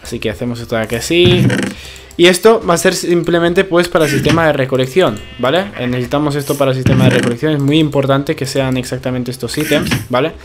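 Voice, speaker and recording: A man's voice: medium pitch, fast talker, background noise. Man chatting through a game tutorial. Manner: chatty, explaining step by step, constant "¿vale?" checks. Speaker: gaming video creator. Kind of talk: casual gameplay tutorial narration. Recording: game audio with music behind.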